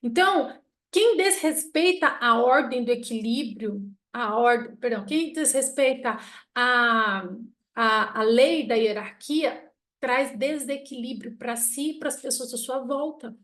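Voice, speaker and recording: A middle-aged woman who teaches family constellation gives a casual spoken lesson in an unhurried, fairly high voice. She's blunt and self-mocking, telling animated stories and acting out the people in them.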